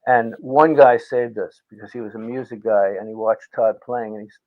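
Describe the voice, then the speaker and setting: A man's voice: medium pitch, fairly even intonation, a little fast, phone-quality sound. An older American man from Philadelphia chatting casually as an interview guest, telling rambling anecdotes. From Philadelphia, United States. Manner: rambling storyteller.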